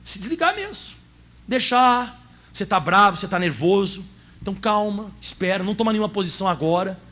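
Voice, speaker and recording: A man with a Brazilian Portuguese accent preaching a sermon as pastor, emotional, rising at times to loud cries. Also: high-pitched, animated, fairly quick.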